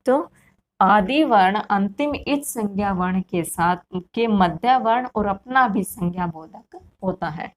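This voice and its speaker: Female grammar teacher, exam-prep lesson; repeats terms, sounds them out slowly, answers her own questions. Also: mid-range voice, lively intonation.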